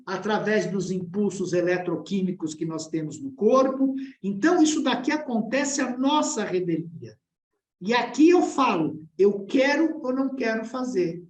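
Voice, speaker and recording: Lively Brazilian woman teaching a class. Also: a little high. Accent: Brazilian Portuguese. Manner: engaging, addresses the class directly with questions. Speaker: class presenter. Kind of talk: explanatory study-group lesson. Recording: roomy echo.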